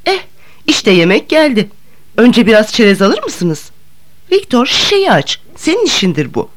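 A woman reading an audiobook, voicing a chattering, excitable provincial lady with a shrill, protesting tone. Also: normal speed. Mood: chatty.

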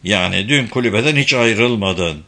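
A stern policewoman in an audiobook, played by a man in a slightly lowered, bright voice. She questions a witness with steady seriousness. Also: normal speed. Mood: serious. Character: serious female police officer, an interrogator.

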